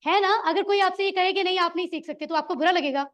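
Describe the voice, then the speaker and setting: She teaches a Quran Arabic class at a quick pace, her very high voice carrying a fairly bright tone. Encouragement and questions for the class fill the lesson as she quizzes her students.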